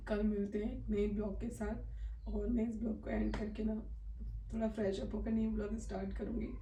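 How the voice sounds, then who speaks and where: A woman's voice: mid-range voice, level tone, brisk, dark tone, far from the mic, a little hiss or hum. A woman talking in a casual personal vlog at home, earnest, emotional and confiding. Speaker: vlogger. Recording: echoey room, voice from off-mic.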